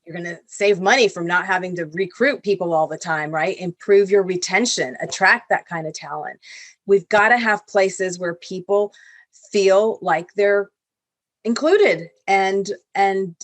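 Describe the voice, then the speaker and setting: A Venezuelan corporate executive explains her points earnestly during a panel discussion on a video call, making small restarts as she goes. Her voice is mid-range at a measured pace, and the recording is dry.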